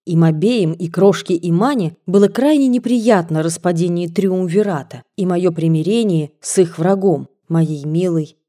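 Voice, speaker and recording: Woman reading a story in a mellow voice. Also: on the low side. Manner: measured, softly expressive reading. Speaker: audiobook reader. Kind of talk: storybook narration.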